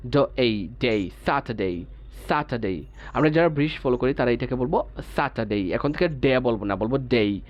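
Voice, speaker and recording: A man's voice: medium pitch, highs cut off. Patient male teacher sounding out syllables. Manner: breaks words into single sounds and repeats them, asks "ঠিক আছে?" often. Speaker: English pronunciation teacher. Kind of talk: online class, sounding out phonetic transcription.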